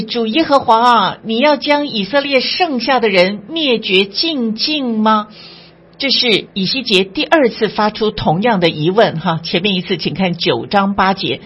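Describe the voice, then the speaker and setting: A woman's voice: mid-range voice, slightly rough. A woman giving devotional Bible commentary, reading verses aloud and then explaining them with small asides. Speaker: Bible teacher. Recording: dull lo-fi recording.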